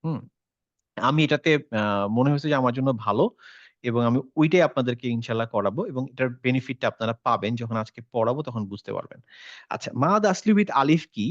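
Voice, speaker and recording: A man teaching an online tajweed class, explaining slowly, mixing in English words and modeling the sounds aloud. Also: mid-range voice, animated, no echo, lo-fi sound. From Bangladesh.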